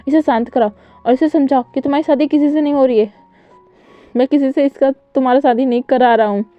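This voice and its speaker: A calm elderly grandfather giving measured commands, voiced by a woman narrator. The tone is fairly high for the figure and the sound is dull and dry. Faint music plays behind it. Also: no echo, lightly acted. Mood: hurried.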